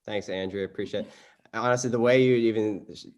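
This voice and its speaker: A man hosting a group video call, affirming his guests and asking questions in a relaxed way with plenty of fillers. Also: lowish voice, fast talker. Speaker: host.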